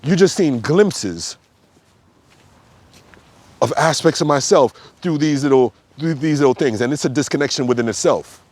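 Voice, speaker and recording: A man's voice: fairly high pitch, expressive, moderate pace, long pauses, a little mellow. Blunt, profane man ranting to camera. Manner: blunt, profane, ranting with sudden emphatic outbursts; loose, repetitive phrasing with frequent fillers. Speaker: yoga teacher and health coach. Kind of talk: unscripted spoken monologue.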